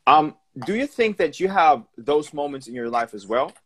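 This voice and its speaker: Husky, animated young male host. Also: a little high, moderate pace. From Turkey and Georgia. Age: 20s. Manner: enthusiastic, affirming, restarts sentences. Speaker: podcast host. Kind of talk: casual interview. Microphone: phone on a live video call.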